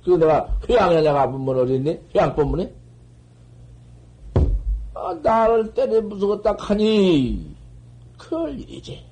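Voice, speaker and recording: An older man giving a Buddhist dharma lecture on koans, scolding and animated, swinging from loud outbursts to murmurs, on an old 1970s tape. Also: high voice, measured pace, pauses often, a little hiss or hum, poor audio. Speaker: Zen master giving a dharma talk.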